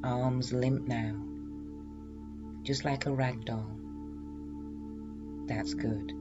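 A woman hypnotherapist guiding a self-hypnosis session in a calm, meditative, soothing way. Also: extremely low pitch, extremely slow, dull audio, over loud music. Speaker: hypnotherapist and weight loss coach, podcast host.

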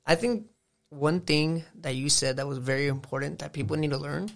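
A man's voice: fairly high pitch, fairly even intonation, moderate pace, gravelly, fairly bright tone. A man hosting a casual interview, laid-back and slangy, reflecting back on what his guest said. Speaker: interviewer host.

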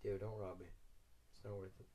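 A man's voice: lowish voice, level tone, fairly quick, mellow. A young man co-hosting a podcast, rambling in casual chat with lots of fillers and swearing. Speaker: podcast co-host.

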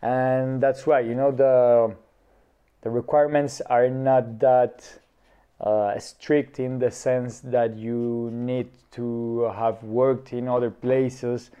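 A man of thirty from Colombia, a guest in a casual interview, talking with many pauses and fillers. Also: medium pitch, level tone, warm tone, smooth. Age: 30s.

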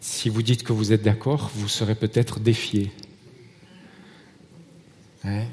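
A man's voice: fairly low pitch, level tone, slow pace, a little mellow, slight background noise. Male preacher, accented french, storytelling sermon, hall reverb. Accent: foreign accent in French. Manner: conversational storytelling, with hesitant restarts.

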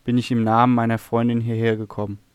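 A man's voice: medium pitch, little pitch movement, fast talker, clear, resonant tone, no room sound, close to an everyday voice. A man voicing a troubled noble queen, speaking sadly and guardedly. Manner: sad, guarded.

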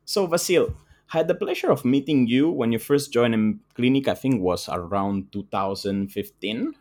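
A man's voice: medium pitch, animated, moderate pace, a little mellow. A man hosting a podcast, reading a formal introduction and then asking his guest questions. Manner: formal, reads intro text. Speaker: podcast host.

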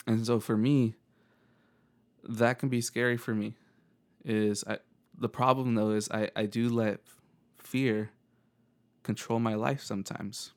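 A young man hosting his own podcast, talking in an earnest, reflective monologue with frequent halting restarts. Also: on the low side. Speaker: podcast host.

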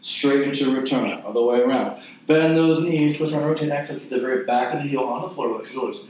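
A man's voice: medium pitch, a little mellow. Echoey, distant male exercise instructor counting reps. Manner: short clipped cues in a measured counting rhythm. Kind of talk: guided mat exercise instruction with counted repetitions. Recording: very echoey room, distant mic.

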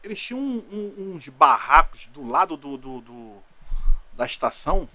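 Middle-aged cop, lively storyteller, slightly high voice, dry studio sound. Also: male voice, unhurried, dry recording. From Rio de Janeiro, Brazil. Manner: lively, quotes both sides of conversations. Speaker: police officer guest. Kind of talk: storytelling, acting out dialogue.

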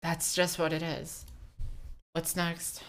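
A woman's voice: low voice, monotone, takes it slowly. A woman co-hosting a casual comedy chat, swearing freely and joking in loose rants. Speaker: co-host.

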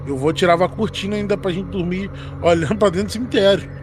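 A man co-hosting a podcast, chatting casually and explaining things in a relaxed, sometimes profane way. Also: high voice, fast, noisy background. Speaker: podcast co-host.

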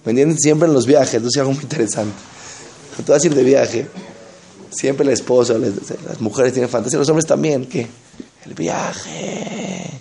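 A man giving an informal religious talk as a rabbi, conversational and full of rhetorical questions, acting out quoted people in quick asides. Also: medium pitch, warm tone, a little hiss or hum. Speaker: rabbi giving a Torah class.

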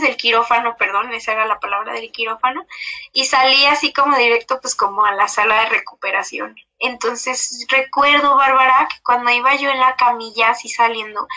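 A woman's voice: high voice, bright, forceful tone, low-quality recording. A young woman recounting a painful personal story in an interview, emotional and full of fillers. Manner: emotional retelling with many fillers. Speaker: interview guest. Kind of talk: personal testimony in conversation.

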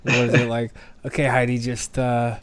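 A man's voice: mid-range voice, completely flat delivery, moderate pace, fairly bright tone, no echo. A man hosting a casual podcast with friends, talking in a loose, rambling way with lots of fillers. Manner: rambling, many fillers and restarts. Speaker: podcast host. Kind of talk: casual chat among friends.

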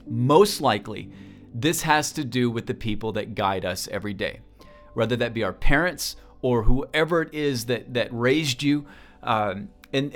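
A man telling a personal story in a talk, earnest and halting, often repeating words as he goes. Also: medium pitch. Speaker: speaker.

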